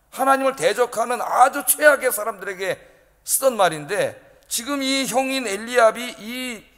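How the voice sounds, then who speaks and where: A male pastor preaching in a fairly high voice, pressing his points hard and tossing rhetorical questions at his listeners. His words ring out with the long reverb of a church sanctuary. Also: fairly bright tone. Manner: emphatic preaching, often prodding the congregation with rhetorical questions. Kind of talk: sermon.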